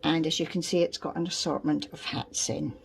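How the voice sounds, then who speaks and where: A woman's voice: low voice, level tone, fairly quick, creaky, breathy edge. A middle-aged woman with a Scottish accent, patiently walking a friend through her miniature dollhouse in casual show-and-tell chat, explaining each detail step by step. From Scotland. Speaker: dollhouse owner showing her miniature house.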